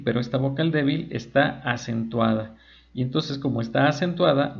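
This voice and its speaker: Gravelly man giving a slow lecture. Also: medium pitch. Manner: slow, explanatory, spells out examples. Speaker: teacher. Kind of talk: recorded lecture. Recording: dull lo-fi recording.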